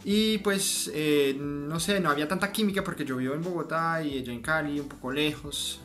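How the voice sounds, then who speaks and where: A French man whose first language is French, telling an animated, self-mocking story to camera in a casual vlog. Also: a little high, normal speed, faint music behind. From France. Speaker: vlogger.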